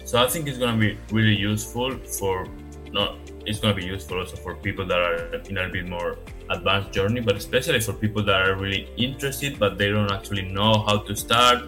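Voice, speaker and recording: Deep, bright-voiced man co-hosting. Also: fairly quick, faint music behind. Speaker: podcast co-host. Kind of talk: casual podcast chat.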